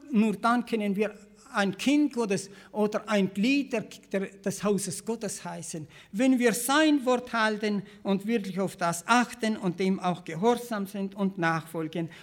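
A man with a Swabian accent delivers an earnest, repetitive sermon, frequently restarting phrases and clearing his throat. His voice is high-pitched and his pace measured.

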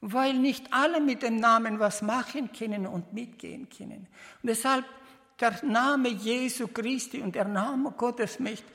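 Woman preaching real slow, halting n earnest, lots of restarts, big hall echo. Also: on the high side, fairly bright tone. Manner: halting, heartfelt, with many restarts and non-native grammar. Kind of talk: sermon. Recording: long reverb of a hall.

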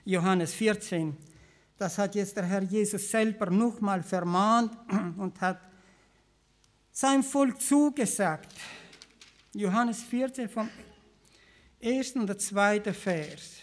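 A man with a Swabian accent and a high voice preaches a sermon slowly, pausing often. He is earnest and repetitive, frequently restarting phrases and clearing his throat.

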